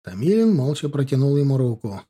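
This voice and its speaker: A man narrating an audiobook in steady storytelling delivery. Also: medium pitch, a little fast, breathy edge. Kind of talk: scripted narration.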